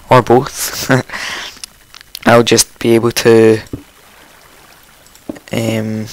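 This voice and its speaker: A man with a croaky morning voice, casually commentating his own game, rambling and chatty with frequent ums and self-corrections. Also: mid-range voice, a bit bright, rough recording. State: just woken up, morning voice. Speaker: let's play host.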